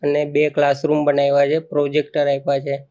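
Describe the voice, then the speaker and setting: A man, a podcast guest, chatting in a relaxed way and explaining things plainly, with a joking streak. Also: fairly high pitch, a little fast. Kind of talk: casual chat.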